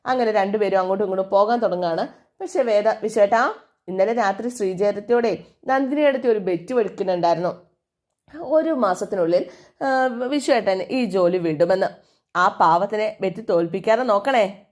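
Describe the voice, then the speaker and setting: A woman retells a TV serial episode in an easy, chatty way. She speaks the characters' lines herself without really changing her voice. Her pitch sits in the middle for a woman. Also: moderate pace, a little mellow. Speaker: serial episode recap narrator. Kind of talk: casual storytelling recap.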